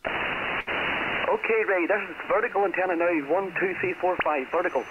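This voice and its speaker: This amateur radio operator, a British man with a high voice pitched at moderate pace, calls in for a casual chat over shortwave. The transmission comes through muffled and noisy.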